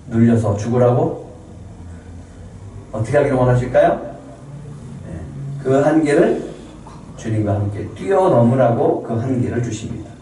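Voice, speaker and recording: Male pastor, sermon, slightly higher voice, mellow tone, asks the congregation questions, echoey church hall. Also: distant mic, a little hiss or hum. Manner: reads scripture aloud. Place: church sanctuary.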